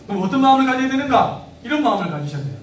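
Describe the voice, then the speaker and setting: A high-pitched man preaches to parents, picked up from a distance in an echoey church hall with faint ambience behind. He asks the congregation questions and acts out the voices of parents and children. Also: sing-song, very fast, a little hiss or hum. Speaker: pastor. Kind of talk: sermon to parents.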